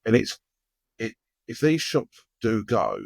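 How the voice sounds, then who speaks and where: A man's voice: lowish voice, wildly swooping pitch, slow pace, creaky, no echo, studio quality. A man with an Essex accent co-hosting a casual podcast, chatty and full of conversational tag questions. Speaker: podcast co-host. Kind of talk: casual chat.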